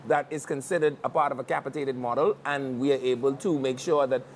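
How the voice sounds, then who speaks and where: A man hosting a talk show, talking rapidly and rambling through his argument. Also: mid-range voice, steady tone, a little hiss or hum. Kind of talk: casual talk show chat.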